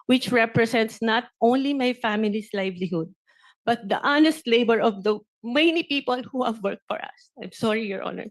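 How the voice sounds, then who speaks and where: A middle-aged woman with a Filipino accent gives formal testimony before a senate committee. She speaks in a measured, respectful way and answers politely. She is a contractor defending her company. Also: on the high side. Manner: measured, polite, deferential, addresses "Your Honor" with "po". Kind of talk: formal prepared statement and answers at a hearing. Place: senate committee hearing room.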